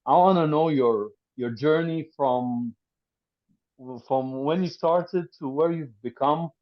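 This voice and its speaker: A man's voice: on the high side, takes it slowly, lo-fi sound. A man hosting a podcast who asks questions hesitantly, with many restarts and fillers. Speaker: podcast host. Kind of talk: interview questions.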